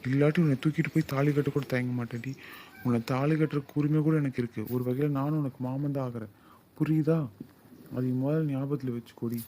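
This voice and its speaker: A man's voice: mid-range voice, fairly even intonation, fast, mellow, slight background noise, close to an everyday voice. A young man acting a lovesick, possessive suitor who pleads and then insists in an audio drama. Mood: angry. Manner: insistent, swings from pleading to commanding.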